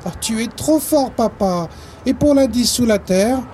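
A man's voice: very high-pitched, lively intonation, measured pace, a little hiss or hum, pitched above the performer's own voice. A man voicing a cheerful boy in a storybook reading. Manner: hesitant, then bright and cheerful. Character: local boy, cheerful and knowing. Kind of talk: storybook narration.

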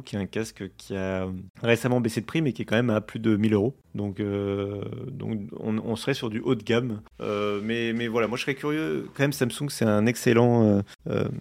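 Young man, low gravelly voice, halting delivery, lots of ums, relaxed streamer chat. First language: French. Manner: hesitant, many fillers and restarts. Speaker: tech streamer. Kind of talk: casual live-stream chat.

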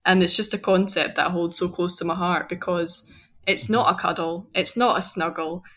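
A Scottish woman in her twenties, a poet speaking as a guest in an animated, expressive interview. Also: on the low side, moderate pace, breathy edge. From Scotland. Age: 20s. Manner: animated, expressive, lively storytelling. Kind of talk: conversational interview.

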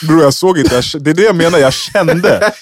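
A man's voice: a little high, animated, faint music behind. A young man co-hosting a podcast, telling a story expressively, acting out scenes and laughing often. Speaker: podcast co-host. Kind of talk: casual storytelling chat.

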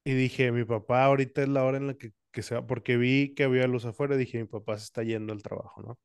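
Young man, rambling casual storytelling, mid pitch, dry close mic. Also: fairly even intonation, fast talker, creaky, smooth, no room sound. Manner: rambling, restarts, acts out his own cries. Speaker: podcast co-host.

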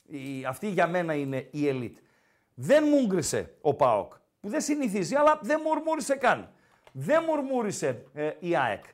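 A man with a Greek accent hosting a casual sports talk podcast, who teases his co-host and keeps repeating his name. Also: sits high. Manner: teasing, animated, repeats the co-host's name.

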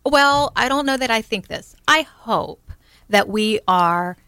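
A woman co-hosting a podcast, talking in a thoughtful, halting casual way. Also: on the high side, animated, bright, forceful tone, smooth, no room sound. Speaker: podcast co-host. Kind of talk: casual chat.

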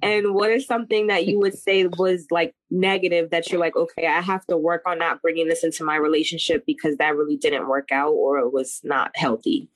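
A woman's voice: low-pitched, steady tone, a little fast, hardly any pauses, no echo, low-quality recording. A woman hosting a podcast, asking questions in a casual way, full of "like" and "um". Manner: casual, many fillers like "like" and "um". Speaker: podcast host. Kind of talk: casual interview chat.

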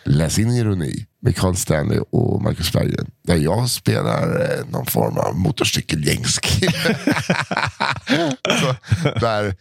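A man chatting casually as podcast co-host, self-mocking and quick to argue, excitable in his banter. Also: extremely low pitch, creaky, husky, no room sound, clean studio sound. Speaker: podcast co-host, comic actor. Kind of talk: casual chat.

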